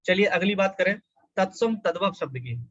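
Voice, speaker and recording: A man's voice: high-pitched, expressive, normal speed, a bit bright, no room sound, dull audio. A man teaching Hindi spelling for exam preparation, explaining step by step and checking in often with the students. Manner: explanatory, repeats key points with "ठीक है". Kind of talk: exam prep lecture.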